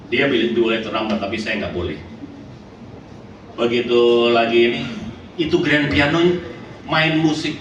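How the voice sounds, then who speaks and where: A man preaching in a church and telling a story to his congregation, his voice rising and swinging as he calls on them to say amen. He is picked up from a distance, so the sound is roomy and echoey, with steady noise underneath. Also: medium pitch. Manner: animated storytelling, often asks the congregation for amen. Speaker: pastor. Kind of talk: sermon. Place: church hall.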